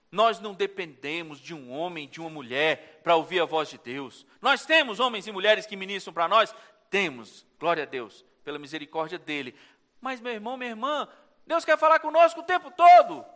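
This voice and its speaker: A man's voice: high-pitched, sharp tone. A male pastor with a Brazilian Portuguese accent preaching a sermon in a church, acting out short dialogues as he goes. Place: church sanctuary. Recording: church hall reverb.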